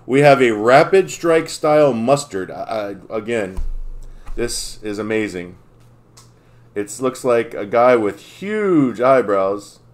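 A man chats casually while opening card packs on a live stream. His voice sits at an ordinary middle pitch. He sounds playfully confused and keeps stumbling over names. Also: animated, takes it slowly. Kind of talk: casual chat.

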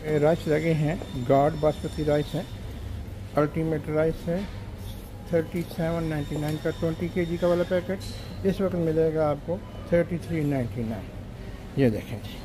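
A man with a slightly high voice walks the aisles of a supermarket, chatting casually into a handheld phone. He rattles off prices in a friendly, polite way. Store noise is clearly audible behind him. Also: fairly even intonation, moderate pace. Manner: chatty, lists prices, says "ji" and "janab". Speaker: vlogger. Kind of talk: casual shopping vlog walkthrough. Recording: noisy shop background.

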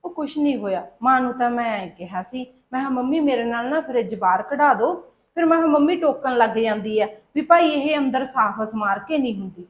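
A woman acting out a hardworking young daughter-in-law who asks politely and pleads. Her voice is high. The sound is dull and lo-fi, like a home video. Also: animated, brisk, lightly acted. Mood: calm. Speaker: daughter-in-law in a family short film. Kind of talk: amateur family drama acting.

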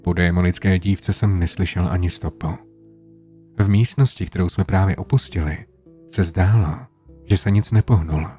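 A man narrating a horror story in a low, hushed storytelling manner, over soft guitar music. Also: fairly even intonation. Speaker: creepypasta narrator.

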